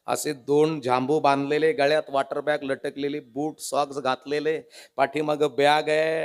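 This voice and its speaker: A man preaching a humorous devotional sermon, dramatic and emotional and speaking straight to his audience. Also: on the high side. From Maharashtra. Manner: dramatic, emotional, swings between loud and hushed; addresses the audience directly. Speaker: kirtan preacher.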